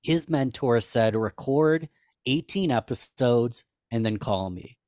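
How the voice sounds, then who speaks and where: This podcast guest is a man whose voice is higher-pitched than typical and a little mellow, with lively intonation at a slow pace. He rambles with restarts, speaking candidly and self-deprecatingly in casual chat. The recording is dry and studio quality.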